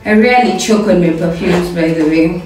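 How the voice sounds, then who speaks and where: With a fairly low pitch and normal pace, a young vlogger and home baker chats playfully through a get-ready-with-me video, repeating words for fun. The camera sits across her tiled bathroom with its glass shower, leaving her sound echoey and distant over soft music.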